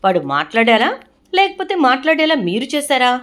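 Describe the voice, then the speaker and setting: A woman voicing a stern, angry middle-aged family patriarch in a retold serial, scolding and shouting. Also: high voice, very animated, fairly quick, voice pushed up.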